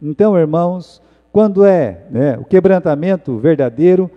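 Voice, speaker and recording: A man with a Brazilian Portuguese accent preaching a sermon in church, asking rhetorical questions and swinging between loud emphasis and quiet asides. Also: high-pitched, expressive, moderate pace, narrow, tinny audio. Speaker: pastor. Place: church sanctuary. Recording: long church hall reverb.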